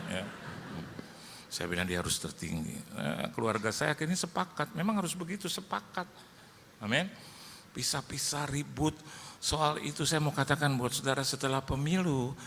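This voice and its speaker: A male pastor preaching, lively, telling comic stories and acting out dialogue in changing voices. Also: mid-range voice, slight background noise. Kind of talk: sermon with comic storytelling. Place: large church hall. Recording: church hall reverb, faint ambience.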